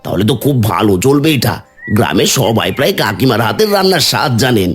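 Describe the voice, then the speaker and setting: A man's voice: medium pitch, sing-song, fast, husky, soft background music. A man voicing a smug, scheming, jealous village husband in a cartoon, teasing and bossy.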